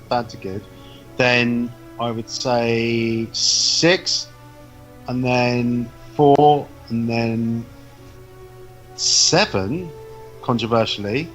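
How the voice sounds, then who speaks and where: A man's voice: medium pitch, dull audio. Chatty man, laughing often. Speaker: comedy podcast co-host, guest. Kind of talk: casual chat.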